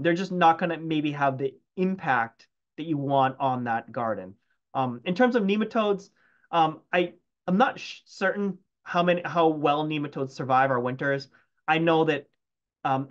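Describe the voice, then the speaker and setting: Man, entomologist fielding questions on a call; higher voice, muffled lo-fi audio, stop-start delivery. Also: moderate pace. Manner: hesitant, many restarts and fillers. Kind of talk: casual Q&A after a talk. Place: home room, video call.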